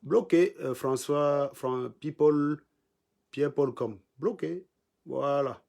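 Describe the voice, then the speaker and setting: A man's voice: on the high side, slow pace, creaky, darkish tone. A man with a Cameroonian French accent hosting a livestream, mocking and insulting his commenters in a combative rant, repeating lines for emphasis. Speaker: livestream host. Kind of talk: insulting live-stream rant.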